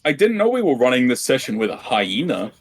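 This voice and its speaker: A man chatting as a player in a tabletop session, cracking jokes and laughing often. His pitch swings extremely widely, though it sits mid-range. A faint noise runs underneath. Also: big pitch swings, a little fast. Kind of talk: casual game chat.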